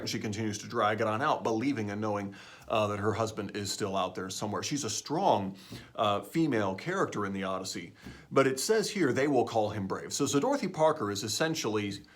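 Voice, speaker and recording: A man's voice: on the low side, fairly bright tone. A male teacher giving a recorded lesson, explaining in a conversational way and often checking in with "right?".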